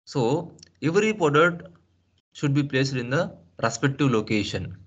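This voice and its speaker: A man teaching a software lesson over a screen share, explaining step by step with rhetorical questions, fillers and restarts. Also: mid-range voice, lively intonation, normal speed, breathy edge, dull audio. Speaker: SAP trainer. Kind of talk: screen-share tutorial lecture.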